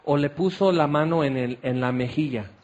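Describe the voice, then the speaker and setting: A man's voice: on the high side, moderate pace, darkish tone, dull audio. A man preaching a sermon at a tent meeting. He tells the scenes dramatically, acting them out with exclamations.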